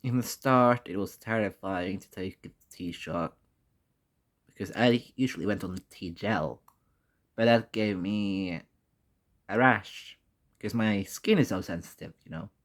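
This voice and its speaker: Slow-talking, low-pitched man vlogging. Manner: halting, candid, mild swearing. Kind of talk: casual personal vlog.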